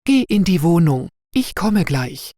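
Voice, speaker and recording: A woman voicing a kind, caring young woman in a read-aloud story for learners, gentle and calm. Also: lowish voice, a little slow, no room sound, clean studio sound.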